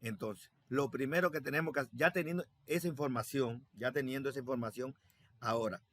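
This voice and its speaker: Hombre explicando paso a paso, voz seca. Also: male voice, medium pitch, a little fast, a bit bright, no echo. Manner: repetitive, step-by-step, thinking aloud with many fillers. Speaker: software instructor. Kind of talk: screen-recorded programming tutorial.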